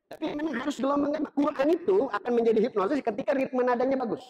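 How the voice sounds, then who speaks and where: A man's voice: very high-pitched, fast talker, darkish tone, muffled recording. A man giving a religious lecture in a mosque, talking conversationally to the audience and breaking into chanted Quran recitation to show melodies. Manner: conversational, addresses the audience directly. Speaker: Islamic preacher. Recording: long reverb of a mosque hall.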